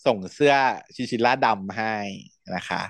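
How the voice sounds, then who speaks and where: A man's voice: fairly low pitch, normal speed, no room sound. A man hosting a casual chat, recapping a story with energy and acting out the characters' lines. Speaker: podcast host recapping a series.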